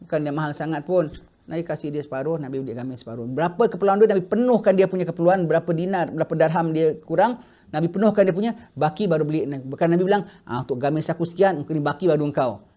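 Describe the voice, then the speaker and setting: A middle-aged man teaching a religious class, telling a story with lively acted-out quotes. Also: a little high, quick pace. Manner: animated storytelling, acting out quoted voices. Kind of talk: sermon storytelling in Malay.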